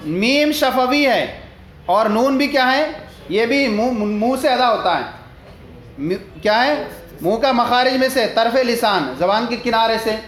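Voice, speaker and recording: A man's voice: very high-pitched, expressive, fairly bright tone. A man teaching a religious studies lesson. He explains a text line by line, asks questions and answers them himself, and repeats his points. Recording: echoey room with faint background noise.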